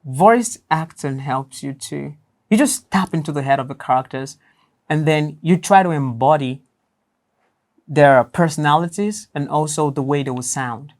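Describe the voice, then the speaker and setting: A young man with a boyish voice that lacks deep range, talking casually as an interview guest. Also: normal speed. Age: young adult. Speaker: interview guest, voice actor and writer.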